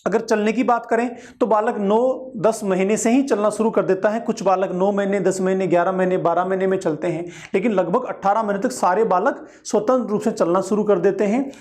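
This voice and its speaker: A man's voice: high voice, fairly even intonation, brisk, hardly any pauses, a little mellow. A male teacher giving an exam-prep lecture, explaining each point and repeating it with everyday examples.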